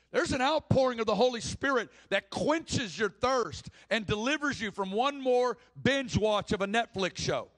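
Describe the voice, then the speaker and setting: Man, preacher, high voice, impassioned sermon, acts out story voices. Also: a bit bright.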